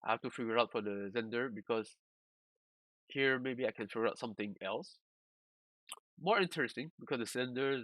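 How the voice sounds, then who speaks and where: Casual male streamer, mid pitch, halting repeats, dry close sound. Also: a bit bright, no echo, poor audio. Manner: halting, repeats words, loose non-standard English phrasing. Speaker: streamer explaining game data analysis. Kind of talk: casual live-stream walkthrough.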